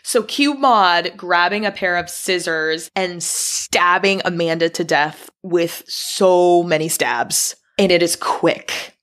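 A woman co-hosting a podcast, recapping a film's plot briskly with dry asides. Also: lowish voice, a bit bright. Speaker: podcast co-host. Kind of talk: casual film recap.

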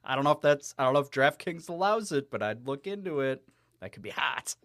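A man's voice: mid-range voice, sing-song, brisk, a bit bright, no room sound, clean studio sound. A man co-hosting a sports podcast in casual, chatty talk, laughing easily. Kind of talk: casual sports betting chat.

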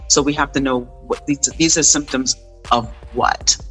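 A man with a bright, clear-cut voice talks someone through things like a friendly coach. He is reassuring and informal, landing on short emphatic phrases. Faint music plays behind him. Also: medium pitch, fairly even intonation, normal speed, low-quality recording. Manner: encouraging, reassuring. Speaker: meditation and wellness guest. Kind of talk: conversational explaining and coaching.

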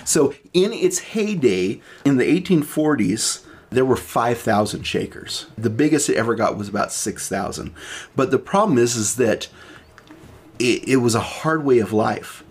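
A man's voice: medium pitch, lively intonation, a little slow, darkish tone, husky. A man hosting a casual podcast chat, explaining at length with many restarts and fillers. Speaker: podcast host presenting the topic.

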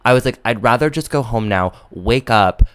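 A young man, telling a story in casual podcast chat, animated and camp, with many fillers. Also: medium pitch, moderate pace, clean tone, no echo. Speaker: podcast co-host.

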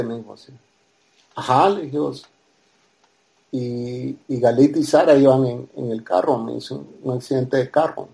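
This Guatemalan podcast guest shares a personal story in an easygoing way, his medium-pitched voice gravelly yet warm. Performing the dialogue himself, he tags line after line with a questioning "ah."

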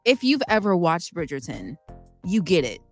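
A woman co-hosting a casual podcast chat, playful and expressive. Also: on the low side, normal speed, faint music behind. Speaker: co-host.

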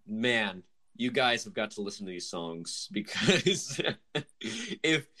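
A man's voice: fairly low pitch, a bit bright. A young man co-hosting a podcast, chatting casually and enthusiastically, rambling and joking at his own expense. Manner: rambling, enthusiastic, self-deprecating with laughs. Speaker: podcast co-host.

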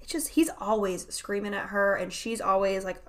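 A woman's voice: mid-range voice, moderate pace, fairly bright tone. Laid-back young woman, swearing casually. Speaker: podcast co-host. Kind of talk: casual podcast chat.

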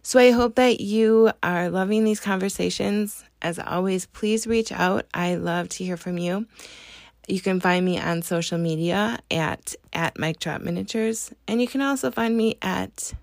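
A woman's voice: mid-range voice, unhurried, vocal fry, dry recording, clean studio sound. An American woman speaking casually and conversationally as she introduces her podcast episode. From Wisconsin, United States. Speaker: podcast host.

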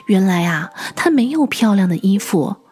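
A woman teacher narrating children's stories in a gentle, expressive, sing-song way and speaking directly to young listeners. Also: medium pitch, normal speed, husky, faint music behind. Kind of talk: storytelling for children.

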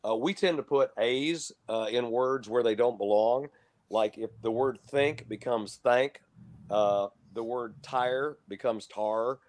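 Older broadcaster, even standard delivery. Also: male voice, medium pitch, a little slow. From Lubbock, Texas. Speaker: guest, longtime basketball broadcaster. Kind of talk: casual radio interview.

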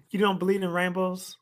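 High-pitched, bright-voiced man chatting. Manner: agreeable, interjecting short responses. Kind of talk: casual conversation.

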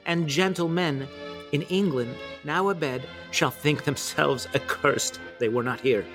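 Performing an amateur theatrical soliloquy, a man plays a medieval king rallying his outnumbered soldiers in a declamatory style with weighty pauses. His slightly high voice sounds stirring and fervent, with music in the background.

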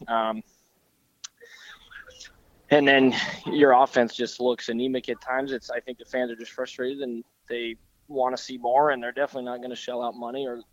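Hoarse man with a flat voice. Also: mid-range voice, moderate pace, no room sound. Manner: relaxed and agreeable, with many fillers. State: hoarse from yelling. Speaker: podcast co-host. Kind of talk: casual sports podcast chat. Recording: slightly dull lo-fi sound.

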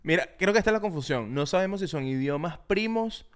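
Venezuelan male podcast co-host, teasing and playful, very lively intonation. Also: high voice, fast. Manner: joking, teasing, animated. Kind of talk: casual chat.

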